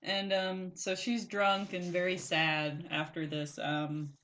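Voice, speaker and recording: A woman's voice: fairly low pitch, fairly even intonation, slow, fairly bright tone, slight background noise. A woman co-hosting a podcast, chatting casually and rambling through a recap with lots of fillers and giggles. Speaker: podcast co-host. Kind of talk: casual chat.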